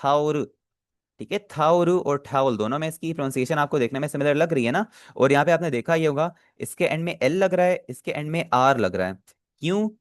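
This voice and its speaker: A man's voice: fairly high pitch, lively intonation, quick pace, no echo, clean studio sound. A man teaching an online language lesson, patiently explaining vocabulary, posing questions to his students and answering them himself, often repeating himself to check they follow. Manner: patient, repeats and checks understanding with filler phrases; asks the class questions then answers them.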